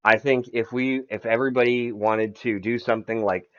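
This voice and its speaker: A man's voice: mid-range voice, fairly even intonation, moderate pace, fairly bright tone. Rambling swearing man, lo-fi podcast. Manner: rambling, swears freely, repeats words. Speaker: fantasy league commissioner on a podcast. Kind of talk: casual podcast chat.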